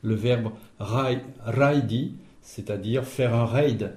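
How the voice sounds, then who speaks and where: A man's voice: medium pitch, slow, darkish tone, echoey room. A man teaching an Esperanto class, patiently correcting pronunciation and explaining words step by step. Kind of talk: classroom language lesson.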